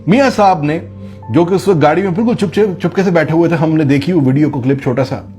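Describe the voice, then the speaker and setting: A man's voice: on the high side, quick pace, a little mellow, faint music behind. A man from Pakistan giving an impassioned, sarcastic political commentary full of rhetorical questions.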